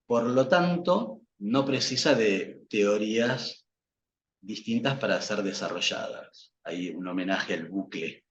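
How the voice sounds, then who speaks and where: Appearing as a psychoanalyst guest, a Portuguese-native man with a lowish voice offers a thoughtful academic talk, hesitating and restarting often with plenty of fillers. The audio sounds dull and lo-fi, with a faint background noise.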